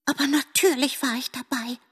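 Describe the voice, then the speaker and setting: A woman voicing a small, excitable squirrel in a storybook, talking in breathless exclamations. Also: sits high, moderate pace, breathy edge, in a large hall, pitched above the performer's own voice. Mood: agitated.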